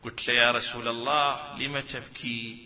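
A man's voice: mid-range voice, flat delivery, normal speed. Preacher man, chanting laments. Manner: shifts from speaking into mournful chanting. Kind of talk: Shia majlis sermon with chanted lament. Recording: dull sound with long hall reverb.

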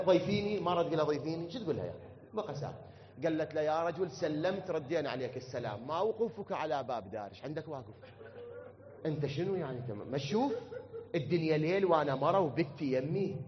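A man with an Iraqi accent preaching a mourning sermon, telling a story that rises into a wailing chant. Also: fairly high pitch. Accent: Iraqi Arabic. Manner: impassioned, rising to wailing chant. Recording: dull lo-fi recording.

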